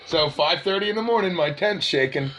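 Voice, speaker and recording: A man's voice: high-pitched, fairly quick, a little hiss or hum, poor audio. A man hosting a podcast in casual chat, telling stories with quoted voices. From Pennsylvania. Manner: animated storytelling with quoted voices. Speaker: podcast host.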